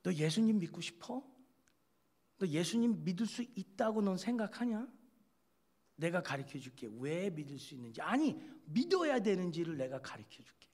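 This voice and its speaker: Male pastor, gravelly fry, sermon, joking, chatty, talks straight to the listener. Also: high-pitched, sing-song, moderate pace, a little mellow. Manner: joking, chatty preaching with acted-out quotes.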